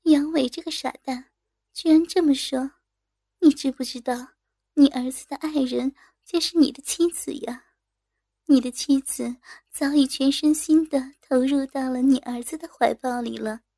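A woman reading a first-person story aloud in a soft, intimate, unhurried manner. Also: sits high, no echo, studio quality.

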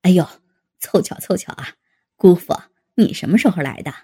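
Woman doing a low husky jokey young guy, always mocking. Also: animated, moderate pace, dark tone. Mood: teasing. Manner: joking, mocking. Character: young man, teasing and cheeky nephew.

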